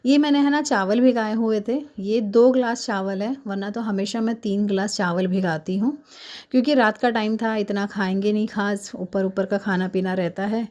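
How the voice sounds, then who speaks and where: A woman doing a hurried, chatty cooking voice-over while fasting, explaining each step at home. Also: mid-range voice, darkish tone, lo-fi sound. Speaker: home cook vlogger.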